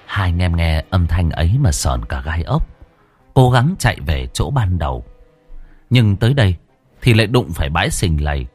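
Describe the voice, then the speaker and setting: Brief: male horror storyteller, dramatic and animated, dry close mic. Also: deep voice, husky, no room sound. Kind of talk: first-person ghost story narration.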